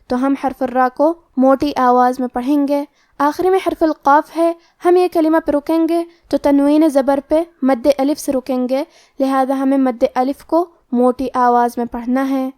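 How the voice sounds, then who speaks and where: A woman's voice: sits high, dark tone, dry recording, clean studio sound. A woman with a Pakistani Urdu accent teaching tajweed, explaining each rule step by step in a methodical way. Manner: methodical, explains each rule then recites the word slowly. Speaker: Quran recitation teacher. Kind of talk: tajweed lesson explaining pronunciation rules.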